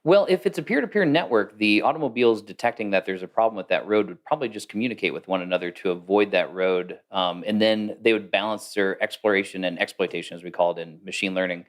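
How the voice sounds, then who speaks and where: A man's voice: on the low side, quick pace, few pauses. A man speaking as a podcast guest, explaining ideas in a thoughtful, casual way with fillers. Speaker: guest, AI consultant. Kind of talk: casual interview talk.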